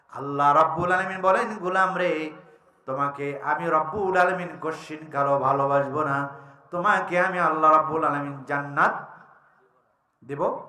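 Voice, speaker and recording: A man preaching a sermon, calling out questions to his listeners and swinging from low talk to shouted, chanted lines. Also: reverberant. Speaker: Islamic preacher. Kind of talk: Bengali waz sermon.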